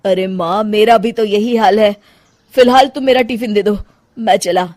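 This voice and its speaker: A woman's voice: mid-range voice, steady tone, normal speed, a little mellow, dry recording, clean studio sound, lightly acted. A woman voicing a harried, henpecked young husband in a cartoon story, talking in a flustered, placating way. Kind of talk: Hindi cartoon story voice acting.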